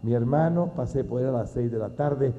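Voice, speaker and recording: A man giving a testimony as a preacher, swinging between hushed and loud emotional speech. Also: mid-range voice, moderate pace. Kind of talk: sermon testimony. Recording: dull lo-fi recording.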